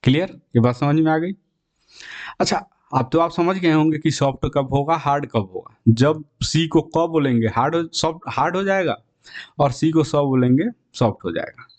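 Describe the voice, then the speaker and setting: Mellow-voiced teacher explaining spelling. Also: male voice, fairly high pitch, expressive. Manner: checks in often with "clear?" and "theek hai", drawls example words slowly; chatty and informal, stops for asides to students. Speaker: English teacher. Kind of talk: Hindi-language spelling lesson.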